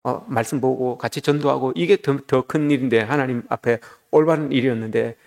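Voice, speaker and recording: A man's voice: medium pitch, brisk, creaky, a little mellow, natural voice. A man voicing an elderly church deaconess who pleads in a frantic, emotional way. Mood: tearful.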